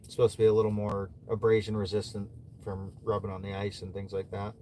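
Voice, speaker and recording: A man from the American Midwest keeps things laid-back on his ice fishing livestream, fielding viewer comments between catches and chuckling frequently. He speaks fast in a warm, fairly low voice with completely flat delivery, and the outdoor winter recording is noisy.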